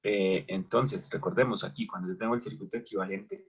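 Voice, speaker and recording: A man's voice: fairly low pitch, steady tone, fairly quick, husky. A man teaching an electrical machines class who keeps asking questions and answering them himself. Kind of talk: online lecture at a whiteboard. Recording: dull lo-fi recording.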